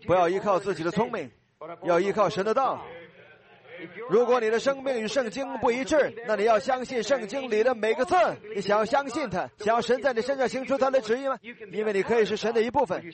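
A man's voice: very high voice, fast talker, a crowd in the background. A man preaching a sermon and giving an altar call, earnest and pleading, repeating blessings over the people who stand.

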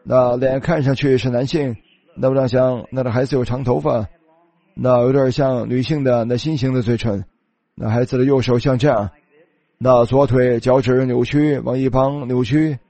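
Mellow-voiced man preaching a sermon. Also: mid-range voice, fairly even intonation, normal speed, no room sound. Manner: starts many phrases with a filler "那". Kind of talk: sermon storytelling in Chinese voice-over.

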